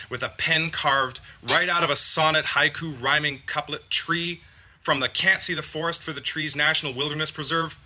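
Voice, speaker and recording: A man performing a comic spoken-word poem at a live reading, theatrical and swinging between loud and soft. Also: mid-range voice. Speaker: performance poet.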